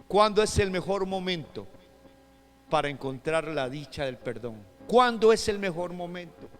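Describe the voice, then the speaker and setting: A man preaching a sermon as pastor, swinging between loud shouted emphasis and hushed soft passages and calling on the congregation with repeated questions. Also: sits high, lively intonation, normal speed, in a large hall, faint music behind. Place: church sanctuary.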